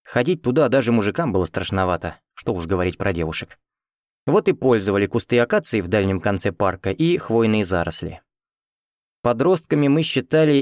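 A man's voice: medium pitch, a little mellow, no echo. Dry-voiced male audiobook narrator. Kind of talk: first-person fiction reading.

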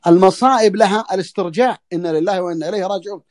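A man delivers a religious lesson in a high voice. He moves along at a brisk pace and says each key phrase twice so students catch it. The tone is that of a teacher explaining a text. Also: a little mellow. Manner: repeats phrases for emphasis. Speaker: sheikh teaching a book.

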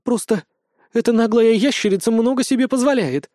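A man's voice: very high voice, fairly quick, darkish tone, no room sound, studio quality, pitched above the performer's own voice. A man voicing a proud, possessive female wolf goddess in an audiobook, haughty and jealous. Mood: indignant.

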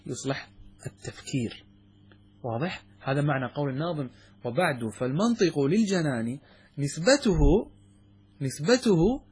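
Middle-aged male sheikh, husky tone, lecturing on a classical text, asks and answers his own questions. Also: a little high. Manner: asks the students questions and answers them himself, repeats key words. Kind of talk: classroom lesson explaining verses.

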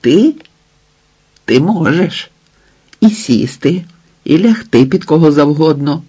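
A man voicing a furious, jealous young husband who shouts coarse accusations, in a gravelly, husky voice. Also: fairly high pitch, lively intonation, slow pace, heavily acted.

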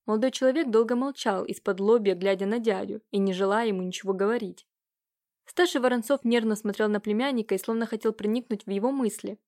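A woman narrating a historical novel in a steady, even storytelling voice. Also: medium pitch, fast. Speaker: audiobook narrator. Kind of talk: scripted narration.

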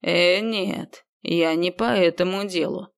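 A woman's voice: on the low side, takes it slowly, vocal fry, clear, resonant tone. A woman voicing a spoiled, capricious male pop singer who talks in a whiny way. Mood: grumbling.

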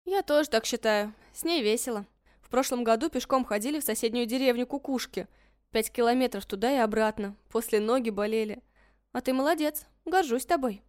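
A man's voice: extremely high pitch, a little fast, clean tone, dry recording, studio quality, voice pushed up. A man voicing a protective, feisty teenage sister in an audiobook, coaxing and bossy by turns. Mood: chatty. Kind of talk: audiobook character voice.

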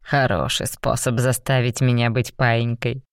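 A woman voicing a cocky, playful male demon lover in an audiobook, dropping to a husky, teasing murmur. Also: a bass voice, fairly even intonation, measured pace, no echo, studio quality, voice pushed down. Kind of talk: audiobook reading.

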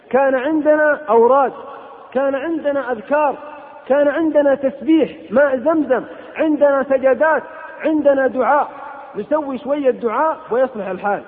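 A man preaching an impassioned sermon, scolding and rising to sharp outbursts. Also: extremely high pitch. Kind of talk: fiery sermon. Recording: tinny old cassette in a hall.

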